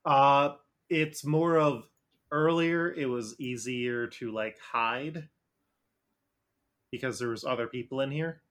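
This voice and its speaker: A man narrating as game master of a tabletop game, speaking in a relaxed way with frequent fillers. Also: mid-range voice, takes it slowly.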